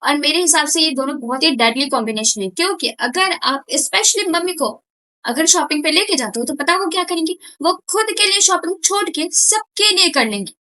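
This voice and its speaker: Young woman reaction host, high bright voice, casual direct-to-viewer chatter. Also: expressive, moderate pace, rough recording. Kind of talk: casual video reaction commentary.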